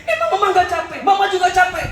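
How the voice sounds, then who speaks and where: A man's voice: extremely high pitch, steady tone, normal speed, slight background noise. A man voicing an exasperated wife who scolds her husband and rattles off complaints, in an echoey hall. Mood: complaining. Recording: echoey hall, mic far off.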